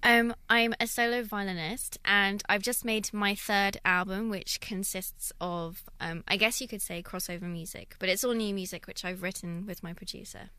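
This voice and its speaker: A young woman from London with a London accent, chatting in a radio interview, thoughtful and quick to laugh. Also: medium pitch, fairly even intonation, bright, forceful tone, clear, resonant tone, no echo. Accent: London English. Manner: friendly, laughs often, thoughtful. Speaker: guest violinist. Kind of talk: casual interview chat.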